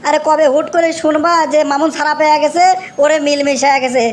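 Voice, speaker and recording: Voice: high voice, fairly even intonation, fast, slight background noise, lightly acted. A performer voicing an exasperated young village nephew in a comic cartoon, whining and repeating complaints. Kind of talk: comic cartoon dialogue, rustic dialect.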